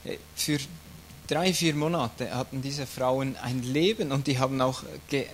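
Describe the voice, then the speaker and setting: A man interpreting a sermon into German, quick and with restarts. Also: medium pitch, slight background noise.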